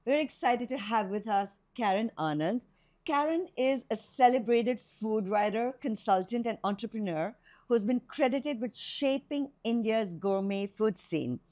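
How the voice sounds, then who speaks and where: A woman host who opens with a measured, scripted introduction and then asks her guest questions. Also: a little high, expressive, darkish tone. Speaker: podcast host. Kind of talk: interview hosting.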